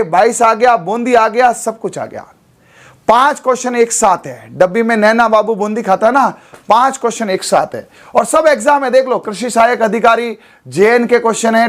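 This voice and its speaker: A man teaching an exam-prep class, hoarse from a sore throat, quizzing students and repeating memory tricks. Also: high-pitched. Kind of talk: animated online exam lesson.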